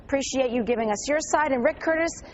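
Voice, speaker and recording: Boston-accent lady moderating a tv debate, brisk, kinda high voice, dull lo-fi sound. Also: slight background noise. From Boston area. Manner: brisk, prodding questions.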